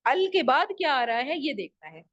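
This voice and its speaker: Lively high-voiced woman teaching children. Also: moderate pace, dull audio. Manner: patient, repeats rules and examples, asks the class questions. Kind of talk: online Arabic grammar lesson for children. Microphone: video call microphone.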